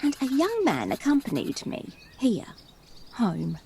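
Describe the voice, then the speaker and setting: Theatrical princess with swooping high voice. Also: female voice, wildly swooping pitch, measured pace, gravelly, warm tone, a little hiss or hum, exaggerated voice. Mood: wistful, tender. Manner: dramatic, giggly, wistful storyteller. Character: theatrical, chatty princess, fond companion of a dragon. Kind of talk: stage-comedy monologue, storytelling to a reporter.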